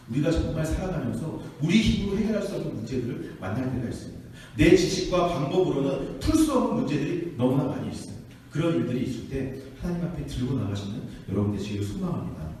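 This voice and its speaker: A man preaches to a youth group with a lively, swinging pitch and a quick pace, acting out each person in his stories. His voice is mellow and fairly high for a man. It was taken from a distance in a church hall with a long echo and faint room noise behind him. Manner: animated storytelling, acting out quotes. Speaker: youth pastor. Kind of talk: sermon. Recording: echoey hall from far off.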